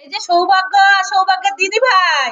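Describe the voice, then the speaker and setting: Brief: young mom vlogger, very high voice, playful and coaxing, lively delivery. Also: female voice, brisk, lo-fi sound. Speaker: family vlog host and mother. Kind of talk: playful family vlog with children.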